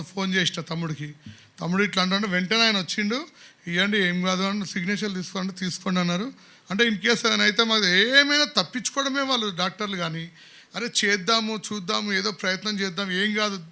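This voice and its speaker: A man's voice: high voice, fast, bright, forceful tone. A middle-aged man giving a church testimony, telling his story earnestly, acting out the dialogue and repeating phrases.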